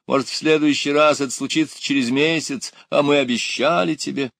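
A man's voice: a little high, fairly even intonation, a little fast, vocal fry, fairly bright tone, dry recording, studio quality, voice pushed up. A man voicing a commanding older male leader who coaxes and orders with urgency in an audiobook. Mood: urgent coaxing. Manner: urgent, pleading then ordering.

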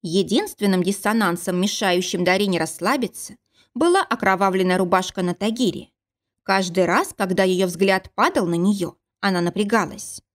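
A woman narrating a fantasy romance audiobook at a medium pitch. Her reading is measured and even. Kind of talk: scripted narration.

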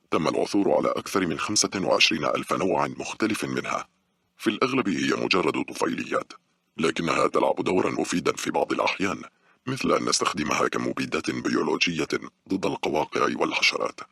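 A man voicing a shy but smug grey-haired male worm scientist in an audiobook, gentle and lecturing. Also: very deep voice, gravelly, husky, no echo, studio quality, full character voice. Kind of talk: audiobook character reading.

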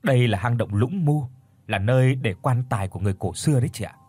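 A man voicing a calm young woman, a shaman's apprentice, patiently explaining in a spoken horror story. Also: medium pitch, fast talker, husky, dry recording.

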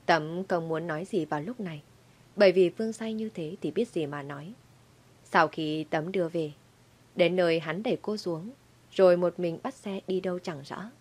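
A woman narrating a dramatic audio story in a lively storytelling manner. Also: on the low side, normal speed.

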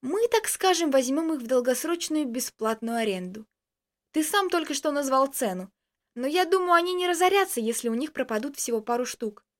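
A woman's voice: high voice, animated, a little fast. A woman doing a cheeky joking young man. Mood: scheming. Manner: mocking, teasing.

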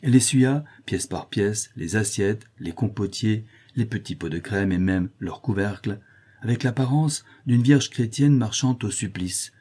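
A man reading a novel aloud as audiobook narrator, measured and expressive. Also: lowish voice, breathy edge.

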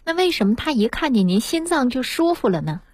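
A woman's voice: high-pitched, very animated, brisk, darkish tone, slightly rough, no echo. A woman radio co-host asking short prompting questions of a guest doctor. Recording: dry radio studio.

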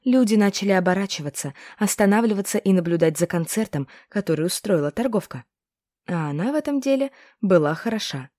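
A woman narrating a fantasy audiobook in the first person, in an even, measured way. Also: medium pitch, no echo, studio quality. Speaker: audiobook reader.

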